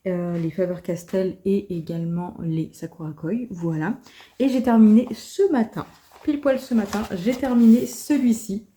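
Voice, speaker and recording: A woman vlogger chatting casually about her coloring books, with lots of fillers and restarts. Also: medium pitch. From France. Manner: chatty, many fillers and restarts, soft asides. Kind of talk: casual vlog chat.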